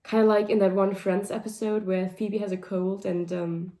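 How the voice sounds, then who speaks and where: A book vlogger chats casually through her monthly reading wrap-up, rambling with plenty of "like" and "um" fillers. She's hoarse, so her medium-pitched voice sounds deep and raspy, though it stays steady and warm at a normal speed. The recording has a roomy echo.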